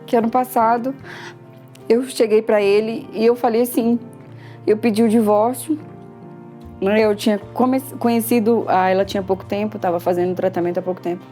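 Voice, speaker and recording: A woman's voice: mid-range voice, level tone, moderate pace, dark tone, soft background music. A young woman with a Brazilian Portuguese accent gives a personal testimonial, retelling events emotionally with quoted dialogue. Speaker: patient giving a testimonial.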